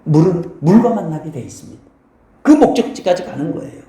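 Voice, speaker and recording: Pastor with a lively, swooping voice. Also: male voice, fairly high pitch, fairly quick. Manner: asks the congregation rhetorical questions and answers them; keeps addressing the listeners directly and blessing them. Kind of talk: sermon. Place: church sanctuary. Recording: very echoey church hall.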